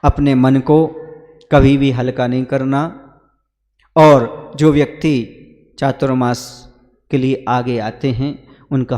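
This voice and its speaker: A Jain monk giving a sermon to a gathering, calling listeners brothers and putting questions to them. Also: male voice, mid-range voice, mellow, long reverb tail.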